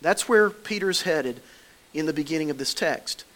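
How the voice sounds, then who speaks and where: Here a Southern American pastor preaches in church at a moderate pace, his voice a little high, animated, and fairly bright. He sounds folksy and easygoing, telling homespun stories.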